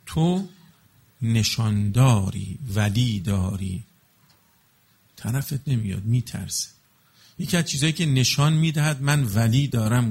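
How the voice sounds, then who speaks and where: Gravelly-voiced male preacher. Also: mid-range voice, darkish tone. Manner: explains with everyday examples and rhetorical checks on listeners; recites Arabic blessings in slow chant. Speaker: religious preacher. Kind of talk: colloquial religious talk to an audience.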